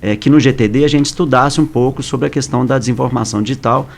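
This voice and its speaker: A man with a Brazilian accent, a professor guest on a radio show, explaining in a measured way with small hesitations and restarts. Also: mid-range voice, steady tone, gravelly. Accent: Brazilian Portuguese. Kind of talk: explanatory interview answers. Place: radio studio. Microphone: studio microphone.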